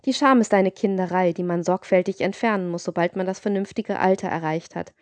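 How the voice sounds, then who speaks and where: A woman voicing a witty, corrupt, rich woman of about thirty who persuades smoothly, in an audiobook reading. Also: fairly low pitch, fairly quick, no room sound, lightly acted. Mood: persuasive.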